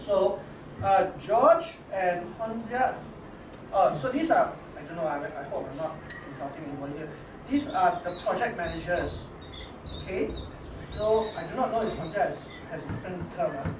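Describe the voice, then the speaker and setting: Speaking Singaporean English in a high, expressive voice, a workshop leader introduces his team to teachers in a casual talk, faltering often, restarting and checking with "okay?". The audio comes from a distance in a noisy, echoey room.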